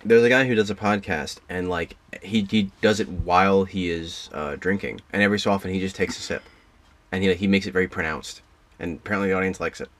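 A man's voice: deep voice, steady tone, a little fast, a bit bright. A man co-hosting a podcast, teasing the others and arguing over details. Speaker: podcast co-host. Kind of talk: casual chat.

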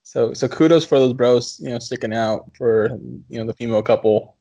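A man's voice: mid-range voice, fairly quick, dry recording, muffled recording. A man hosting a casual podcast, chatting loosely with his co-hosts and wrapping up the episode. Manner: relaxed, wraps up the show. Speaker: podcast host.

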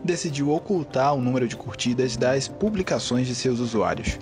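A man's voice: medium pitch, lively intonation, normal speed. A man with a Bahian Brazilian accent co-hosting a podcast in a casual, chatty style. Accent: Bahian Brazilian Portuguese. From Salvador, Bahia, Brazil. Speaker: podcast co-host. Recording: loud background music under the voice. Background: background music.

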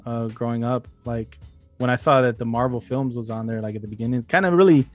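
A man hosting a casual chat, playful and quick to laugh, with faint music behind him. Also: mid-range voice. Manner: playful, laughs often, hypes up the game. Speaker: podcast host.

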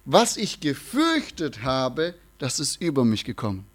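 A man's voice: medium pitch, wildly swooping pitch, a little slow. A man preaching a sermon in an earnest manner, quoting scripture and repeating phrases for emphasis.

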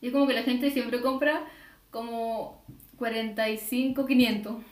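A woman's voice: a little high, steady tone, moderate pace. A teenage girl with a Chilean accent chatting casually about running a small online shop. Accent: Chilean Spanish. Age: teens. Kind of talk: casual chat. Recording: roomy echo.

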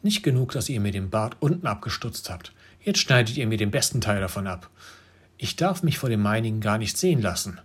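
A man's voice: normal speed, husky. A man voicing a grumpy, ungrateful little male dwarf who snarls and shrieks his complaints in a storybook reading. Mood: furious. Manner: scolding, shrill and snarling.

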